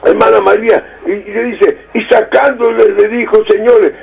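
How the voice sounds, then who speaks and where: A man's voice: high-pitched, steady tone, moderate pace, gravelly, slightly rough, dull audio. A man with a Uruguayan Spanish accent preaching fervently on a radio program while he has the flu. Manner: fervent, emotional, breaks into song. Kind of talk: radio sermon.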